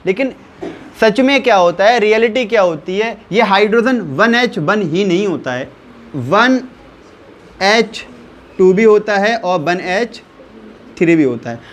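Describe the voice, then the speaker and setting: A man with a high-pitched voice teaches a chemistry lesson. He slows down to spell out each value step by step. He keeps asking his listeners questions and repeating the key terms back to them. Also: lively intonation. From India.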